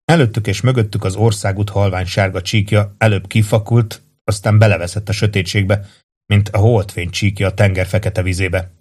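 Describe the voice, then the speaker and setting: A man's voice: fairly low pitch, fairly even intonation, darkish tone. A man narrating a novel as an audiobook, reading steadily. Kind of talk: scripted narration.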